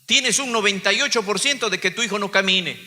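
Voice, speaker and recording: A man's voice: high-pitched, fairly quick, pushed and bright, long reverb tail. A man, a pastor, giving an impassioned sermon testimony, his voice swelling and dropping.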